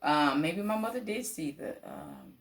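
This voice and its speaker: A woman casually telling a personal childhood story to her viewers, chatty and lively, laughing often and acting out the voices of people in it. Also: deep voice, a little slow. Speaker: vlogger.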